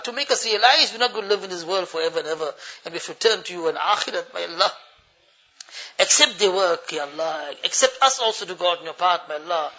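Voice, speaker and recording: On a dull lo-fi recording, an older man acting as imam leads a congregation in supplication, his bright, forceful, high-sitting voice choked with tears. He pleads, echoing every plea with a refrain.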